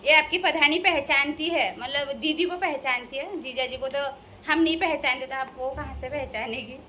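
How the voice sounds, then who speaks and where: A woman's voice: high voice, moderate pace, bright, forceful tone, slight background noise. A young woman from the Uttarakhand hills, chatting casually and teasing in a playful vlog, laughing often. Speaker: vlogger addressing viewers.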